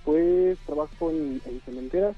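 A man speaks over the phone, his fairly high voice squeezed thin by a tinny line. He talks hesitantly, with plenty of fillers and a nervous edge. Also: moderate pace, breathy edge, faint music behind. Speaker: radio call-in contestant. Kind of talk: phone-in chat with radio hosts.

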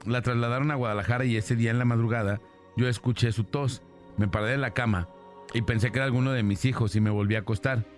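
A man's voice: medium pitch, a little mellow. A male radio host reading out listener messages about paranormal experiences and chatting with his co-host. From Mexico. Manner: reads listener messages aloud. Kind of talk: casual radio banter.

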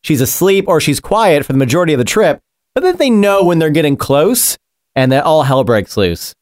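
Podcast guy, kinda high voice, bouncy, cracks jokes, dry close sound. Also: big pitch swings, no echo. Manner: joking, chimes in with quick reactions. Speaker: podcast co-host. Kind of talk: casual chat.

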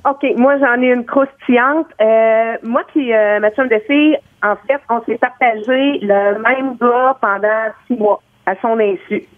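A woman with a Quebec French accent phones in to a radio show. She talks quickly and eagerly. The line is thin and tinny, and there is no room sound. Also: a little high, no room sound. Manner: fast, excited talker. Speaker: caller. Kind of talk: casual call-in storytelling.

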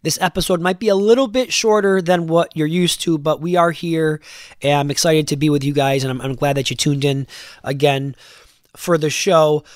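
A congested man with a high voice hosts his sports podcast from a close mic in a very dry room. He talks loosely, with plenty of fillers and restarts. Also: steady tone, normal speed, no echo. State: congested, under the weather. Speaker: podcast host. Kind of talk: casual podcast talk.

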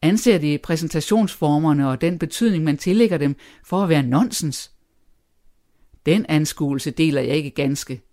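A reader voicing a sarcastic, teasing middle-aged father in an audiobook, with a dry, measured delivery. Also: mid-range voice, mellow, natural voice. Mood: wry. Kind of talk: audiobook character voice.

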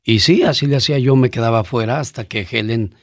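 A man's voice: medium pitch, no echo, clean studio sound. A man, a guest on an interview show, telling stories in a casual, earnest way with fillers. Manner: warm storyteller, earnest, pauses with fillers.

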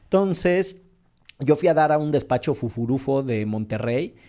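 A man's voice: medium pitch, normal speed. Mexican man chatting casually. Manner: relaxed, joking, colloquial. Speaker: podcast co-host. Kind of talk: casual chat.

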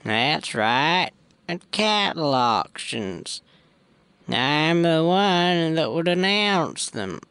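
An actor playing an elderly retired cattle auctioneer who calls in to a comedy radio show, timid and hesitant. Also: male voice, high voice, very animated, a bit bright, smooth, no room sound, exaggerated voice. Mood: slow, timid. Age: older. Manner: slow, hesitant speech. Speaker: caller.

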